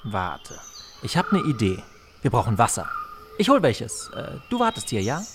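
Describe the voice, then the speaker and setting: A woman voicing a boy's calm older brother who explains things in a patient, reassuring way. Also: extremely low pitch, moderate pace, music in the background, heavily acted. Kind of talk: audio drama acting. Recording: noisy background.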